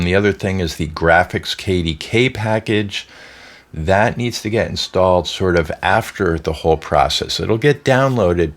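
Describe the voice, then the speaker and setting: Deep, nasal man with a cold. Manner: relaxed, explains step by step. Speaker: tech channel host. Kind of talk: casual tech tutorial narration.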